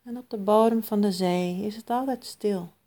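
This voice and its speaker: A woman guiding a mindfulness meditation in a soft, calm, soothing manner with long pauses. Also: medium pitch. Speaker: meditation guide.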